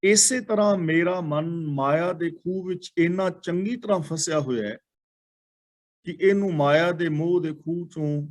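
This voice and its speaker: A man preaching, chanting scripture verses slowly and then explaining their words one by one. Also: a little high. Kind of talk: scripture exposition.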